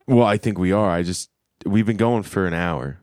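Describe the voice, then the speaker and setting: A man's voice: sits low, moderate pace, a little mellow, no echo, studio quality. A man hosting a podcast in casual comedic chat, with a joking, irreverent way of talking. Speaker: podcast host.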